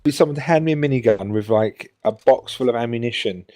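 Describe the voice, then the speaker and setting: A man's voice: mid-range voice, fast talker, a little mellow. A British man co-hosting a gaming show, chatting casually in a rambling, teasing way. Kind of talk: casual banter over gameplay.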